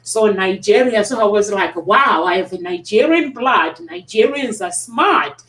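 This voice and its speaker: A woman's voice: mid-range voice, animated, fairly bright tone. Lady host, stops and restarts a lot, sounds far off in a roomy space. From South Africa. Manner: halting, many uh's and restarts. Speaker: talk show host. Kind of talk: casual conversation. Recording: roomy sound, distant mic.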